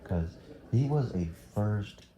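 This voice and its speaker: A man's voice: lowish voice, expressive, takes it slowly, warm tone, reverberant. A teenage boy from Thailand answering interview questions casually, hesitant with many fillers. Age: teens.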